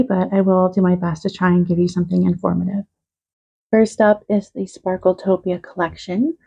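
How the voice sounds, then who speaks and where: A woman from Canada who is a bit winded from being sick, quickly reviewing eyeshadows and listing their color shifts one by one. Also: lowish voice, creaky, dark tone, husky, dull audio. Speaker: beauty reviewer.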